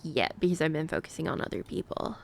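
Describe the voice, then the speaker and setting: Her voice sits low and creaky, and she talks quickly. She's streaming a game and chatting with viewers in a loose, rambling way, full of filler words.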